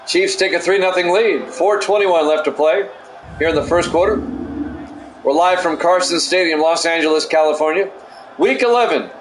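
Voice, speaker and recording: Middle-aged male announcer with a somewhat high voice, calling plays in an even, matter-of-fact way; echoey, noisy home recording. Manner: measured, matter-of-fact play calling with casual asides. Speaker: play-by-play announcer and stream host. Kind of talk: simulated football play-by-play commentary. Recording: echoey room with steady background noise.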